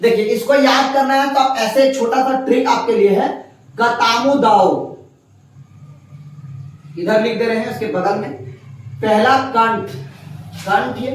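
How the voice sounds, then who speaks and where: A woman teacher explaining a lesson patiently, step by step, sounding out letters slowly at a writing board. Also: on the high side, fairly even intonation, distant mic, a little hiss or hum. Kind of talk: classroom lesson. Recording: very echoey room, voice off-mic.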